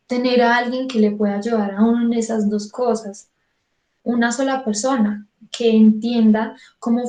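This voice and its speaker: A woman's voice: on the high side, dark tone. A woman with a Colombian Spanish accent giving an online singing lesson. She talks in a chatty way, acts out her students' thoughts and repeats words for emphasis. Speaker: vocal coach. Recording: echoey room.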